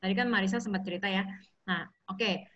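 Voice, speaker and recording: A woman's voice: mid-range voice, steady tone, fast talker. Chatty woman on a dull online call. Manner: chatty, warm asides, frequent fillers. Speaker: speaker at an online support session. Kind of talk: casual talk with guided exercises.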